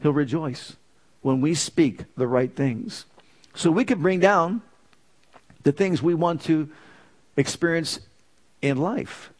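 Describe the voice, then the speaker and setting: A man's voice: on the high side, slow, long pauses. A man preaching a sermon as pastor, with emphatic repeated declarations.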